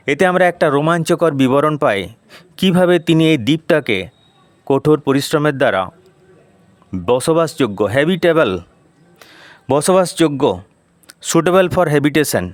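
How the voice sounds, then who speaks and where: A man with a Bengali accent teaching an English lesson, reading English lines slowly, then explaining them in Bengali and spelling out words for pronunciation. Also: a little high, dry recording. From West Bengal, India.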